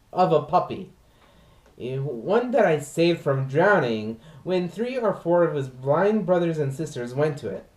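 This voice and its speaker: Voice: a little mellow, natural voice. Vlogger playing a comic servant grieving over his dog. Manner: theatrical, swooping emphasis with sudden high outbursts. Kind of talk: rehearsing a Shakespeare comic monologue. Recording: roomy echo, from mic distance.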